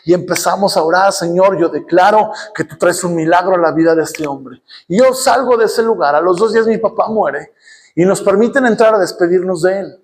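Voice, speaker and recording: A middle-aged man with a Mexican accent, a pastor telling a personal story and then preaching with mounting, shouted passion in a church. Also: high-pitched, a little fast. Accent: Mexican Spanish. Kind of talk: sermon.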